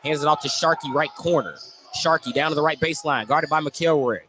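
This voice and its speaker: Fairly high in pitch and brisk, this man's voice delivers a clipped running call of a basketball game for radio. As play-by-play commentator, he works from an indoor gym during the game, with the noisy atmosphere of a live venue in the recording.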